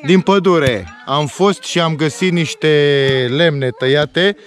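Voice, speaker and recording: Playful teasing Romanian dad. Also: male voice, fairly high pitch. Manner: playful, teasing, fatherly instructing. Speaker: father and family vlogger. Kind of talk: casual family vlog. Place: outdoors in the mountains.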